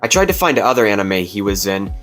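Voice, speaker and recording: A man's voice: on the low side, sing-song, a little fast, a bit bright. A man hosting a video, giving casual scripted commentary. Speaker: video host. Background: music.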